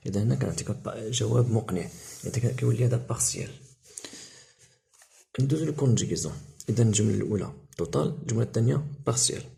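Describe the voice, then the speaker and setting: A man with a Moroccan Arabic accent teaches a French lesson at a rapid clip, his low voice heavily gravelly and dark. He mixes Arabic with French terms and slows down to read the example sentences. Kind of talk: explaining a textbook lesson.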